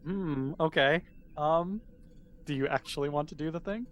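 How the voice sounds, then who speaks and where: A man acting as game master for a tabletop game narrates casually, improvising as he goes, in a slightly high voice at a moderate pace.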